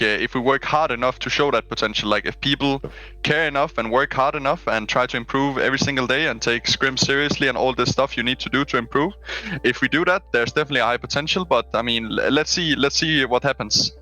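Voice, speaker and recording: An esports player, a young man, does a post-match interview over a webcam call, using a headset in a small room at home. His voice is bright and mid-range, and his manner relaxed, frank and heavy on fillers. The recording is rough.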